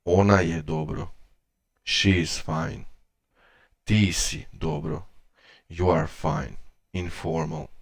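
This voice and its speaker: Slow, gravelly male teacher. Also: low-pitched, no room sound. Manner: measured, pausing, reads word pairs in turn. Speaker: language teacher. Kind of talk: slow explanatory lesson.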